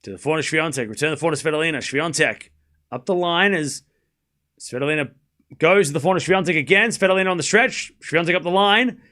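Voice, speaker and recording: A man with a hoarse smoker's rasp, giving casual live tennis commentary and chatting informally with viewers, often repeating scores and phrases. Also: fairly high pitch, fast talker, bright, forceful tone. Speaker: host of a live tennis watchalong.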